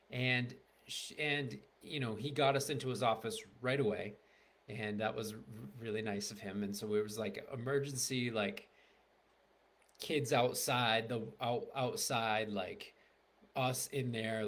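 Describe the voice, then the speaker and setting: A man's voice: mid-range voice, a bit bright. A middle-aged man, a marriage and family therapist, candidly telling a personal story to the camera, rambling with many fillers and restarts.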